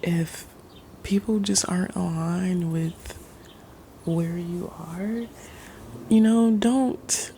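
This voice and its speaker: Woman, soft ASMR pep talk, near-whisper, mellow and even-pitched, halting delivery, faint noise behind. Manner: halting, pausing mid-sentence. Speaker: ASMR creator. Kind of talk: soft-spoken ASMR, reflective personal talk.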